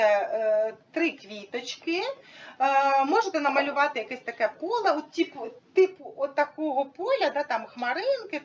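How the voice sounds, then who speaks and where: A woman's voice: sits high, muffled recording. A woman explaining a teaching method to an audience in an informal, hesitant way, with many fillers, demonstrating with props. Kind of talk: informal instructional talk.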